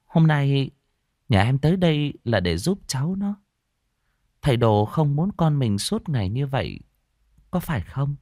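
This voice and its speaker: A man voicing a calm middle-aged village wise woman who speaks politely and soothingly, in a told ghost story. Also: mid-range voice, measured pace, long pauses, no echo, studio quality, pitched above the performer's own voice. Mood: persuasive, polite.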